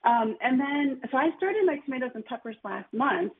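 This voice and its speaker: A woman's voice: high-pitched, animated, normal speed, breathy edge. A woman, a gardening guest talking casually and enthusiastically, lots of "like" in her speech. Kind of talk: casual radio call-in chat. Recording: tinny phone line.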